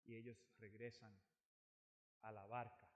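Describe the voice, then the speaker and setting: A man preaching a sermon, retelling a Bible story dramatically, swinging from loud emphasis to hushed lines and repeating phrases for weight. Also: fairly low pitch, level tone, measured pace.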